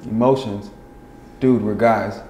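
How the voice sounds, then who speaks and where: A man's voice: fairly low pitch, steady tone, slow, dark tone, reverberant, slight background noise. An actor playing a blunt, teasing young male friend. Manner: blunt, teasing, casual slang. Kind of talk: web drama acting.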